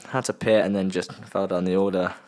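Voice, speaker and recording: A man's voice: sits low, flat delivery, fairly quick, darkish tone, clear, resonant tone. A young man from the South of England co-hosting a casual sports podcast, joking and laughing as he chats. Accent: Southern English. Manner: jokey, laughs a lot, trails off mid-thought. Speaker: podcast co-host. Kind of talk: casual chat.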